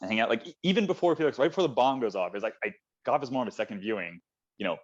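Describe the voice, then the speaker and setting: A man's voice: mid-range voice, animated, very fast. Eager man chatting films, lo-fi. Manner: enthusiastic, rambling with fillers. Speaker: podcast co-host. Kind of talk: casual chat about films. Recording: dull lo-fi audio.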